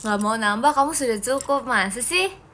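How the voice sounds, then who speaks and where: Speaking at a normal speed with lively intonation, this young woman has a slightly high voice with a sharp tone, and there's a little hiss or hum. She reads her stream's comments aloud in a giggly, teasing, playful manner, calling her viewers "guys."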